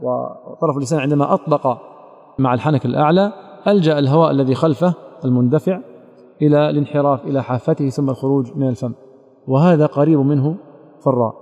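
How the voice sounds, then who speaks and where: A man's voice: medium pitch, quick pace, long pauses, warm tone, lo-fi sound. A man teaching as a sheikh, explaining a didactic poem in a methodical lecture and speaking directly to a student. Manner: methodical, addresses a student directly, quotes scholars. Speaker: sheikh teaching recitation rules. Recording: long hall reverb.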